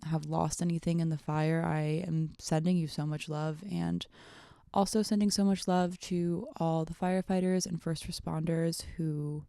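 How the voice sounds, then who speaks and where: A young adult woman, hungover, chatting casually on her solo podcast in a halting, rambling way that often trails off, with vocal fry. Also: low-pitched, steady tone, warm tone, dry recording, clean studio sound. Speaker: podcast host.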